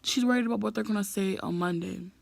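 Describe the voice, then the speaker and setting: A woman's voice: medium pitch, fast talker, gravelly, no echo. An eighteen-year-old woman telling a storytime vlog, ranting in an exasperated way. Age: young adult, 18. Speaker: vlogger.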